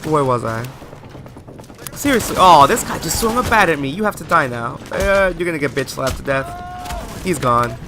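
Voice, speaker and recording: A let's play host records chatty, rambling commentary over gameplay after the fact, often asking viewers questions. His voice is on the high side, with lively intonation at normal speed, and there is background noise.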